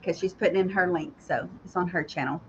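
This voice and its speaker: A woman's voice: fairly low pitch, brisk, slight background noise. A woman co-hosting a casual livestream chat, teasing and laughing easily. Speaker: co-host. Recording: dull lo-fi stream audio.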